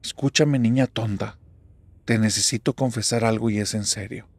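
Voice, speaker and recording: A man with a Mexican accent voicing a frightened, nervous middle-aged mother who pleads in a shrill, panicked way. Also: fairly even intonation, moderate pace, gravelly, dry recording. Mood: urgent.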